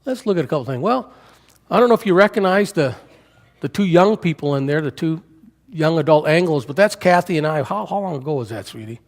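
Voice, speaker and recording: A man's voice: on the high side, animated, fairly quick. A man in his sixties, an American missionary, giving a folksy, joking missions talk to a church congregation. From United States. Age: 60s. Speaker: missionary speaker. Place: church sanctuary. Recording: hall reverb in a church.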